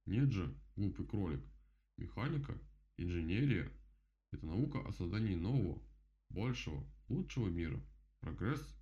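A man voicing a pompous, bossy male beaver in a storybook, speaking slowly and self-importantly. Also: on the low side, lively intonation, a little mellow, lightly acted. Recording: dull lo-fi audiobook recording.

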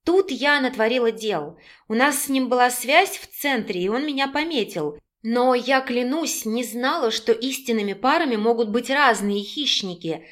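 A woman voicing a gentle caring older sister. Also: on the high side, expressive, moderate pace, hardly any pauses. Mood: warm teasing. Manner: gentle, modest.

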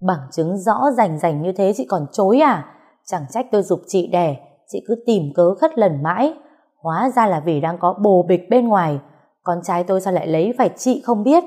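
A woman voicing an angry older mother-in-law who scolds in a loud, shrill, lamenting voice. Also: expressive, moderate pace, lightly acted. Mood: furious lamenting.

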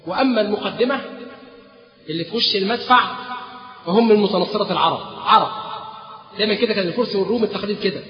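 Fast, high-voiced Egyptian preacher in a hall. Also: male voice. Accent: Egyptian Arabic. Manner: storytelling with rhetorical fill-in questions to the audience. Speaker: religious lecturer. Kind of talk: religious history lecture. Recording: dull, echoey hall recording.

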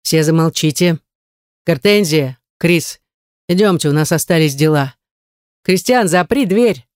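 A woman's voice: low-pitched, expressive, unhurried, darkish tone, no room sound, clean studio sound. A woman voicing a cold, cruel male leader of captors who growls threats. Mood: gloating.

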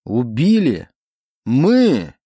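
A cruel, giggling demon voice in a storybook that speaks as many, sneering at its victim in low, dry tones. A male narrator puts it on. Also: sing-song, a little slow, a little mellow, dry recording. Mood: menacing. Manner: mocking, sneering.

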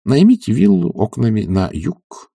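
A man's voice: mid-range voice, very animated, measured pace, vocal fry, mellow, slightly rough, no room sound, clean studio sound, voice pushed up, exaggerated voice. A man voicing a fussy middle-aged doctor who lectures a patient. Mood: advising.

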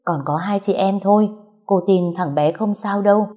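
A woman voicing a kind middle-aged woman who gently soothes a crying stranger. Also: medium pitch, normal speed, close to an everyday voice. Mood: consoling.

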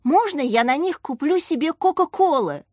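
A woman's voice: high voice, lively intonation, normal speed, no echo, clean studio sound, pitched above the performer's own voice. A woman voicing a cheeky little schoolgirl who asks in a pleading way.

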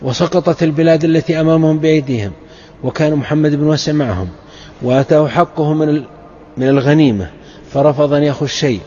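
A man's voice: fairly high pitch, fast, warm tone, muffled recording. A man from Saudi Arabia preaching a sermon, telling stories of early scholars with fervent, emphatic exhortation. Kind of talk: sermon storytelling.

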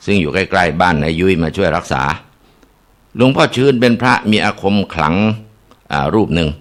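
A man's voice: deep voice, expressive, moderate pace. A man narrating a ghost story in a dramatic way, with occasional filler sounds.

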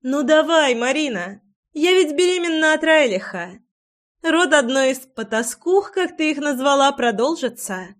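Woman doing a defiant young captive for a storybook, mocking and high-pitched. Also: expressive, a little slow. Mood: taunting. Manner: taunting, laughing.

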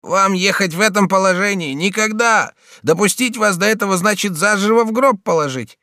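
A man doing a shrill, frantic old maidservant. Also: moderate pace, sharp tone, no room sound, clean studio sound. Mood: alarmed. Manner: shrill, alarmed.

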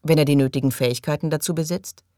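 A woman reading an audiobook and voicing a calm, self-assured man who speaks in a measured, unruffled way. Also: low voice, no room sound, studio quality, close to an everyday voice.

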